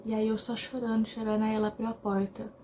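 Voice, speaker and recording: A young woman from Brazil tells her personal story to the camera in a mellow, warm voice. Her delivery is emotional and halting, with many repetitions. A faint noise sits under the recording. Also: a little high, level tone. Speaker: vlogger.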